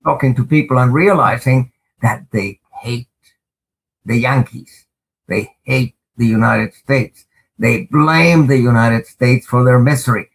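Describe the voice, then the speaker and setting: An older male lawyer whose first language is Spanish answers interview questions, recounting his experiences in a measured manner. His mid-range voice has vocal fry, and his speech is full of "uh" pauses and pointed emphasis.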